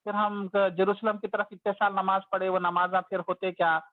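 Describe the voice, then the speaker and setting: A man's voice: sits high, little pitch movement, a little fast, no room sound. A man teaching religion in a conversational, storytelling way, sometimes acting out the complaints of the people he describes. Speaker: Islamic teacher. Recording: dry, tinny phone-like sound.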